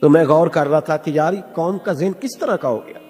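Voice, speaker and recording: A man preaching a sermon in an impassioned voice that climbs to high, emphatic peaks. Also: darkish tone, slightly rough. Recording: long hall reverb with faint music.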